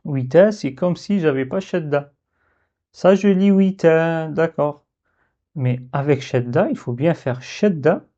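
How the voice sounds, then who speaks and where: A man teaching the Arabic alphabet step by step, slowly repeating syllables for learners to copy. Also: fairly high pitch, lively intonation, warm tone, dull audio. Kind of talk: step-by-step letter lesson.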